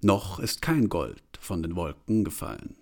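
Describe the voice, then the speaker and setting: A man reading an audiobook, voicing a sharp, blunt young woman who talks brisk and matter-of-fact, barely shifting from his own low voice. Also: expressive, exaggerated voice. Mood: assertive.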